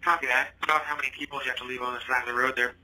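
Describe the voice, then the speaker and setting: Man, radio dispatch talk, fairly flat pitch range, very bright tone, two-way radio sound, procedural. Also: racing, low-quality recording. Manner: procedural, clipped confirmations. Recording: two-way radio, faint background noise.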